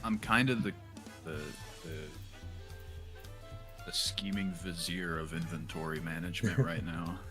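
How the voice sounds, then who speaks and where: A man's voice: low-pitched, fairly even intonation, measured pace, long pauses, music in the background. A man chatting casually during a game, with wry, playful asides. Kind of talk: casual gaming chat.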